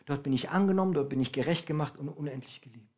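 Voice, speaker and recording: Male preacher, high-pitched, emphatic, stretches key phrases. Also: muffled recording. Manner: emphatic, varies loudness, slows for stress. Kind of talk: sermon.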